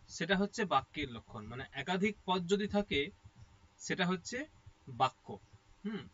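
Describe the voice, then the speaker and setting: A man's voice: fairly high pitch, fairly bright tone, highs cut off. A man teaching a class, explaining step by step and often checking that listeners follow. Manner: explains step by step, often asks "ঠিক আছে?". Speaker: Sanskrit teacher. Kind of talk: explanatory lecture.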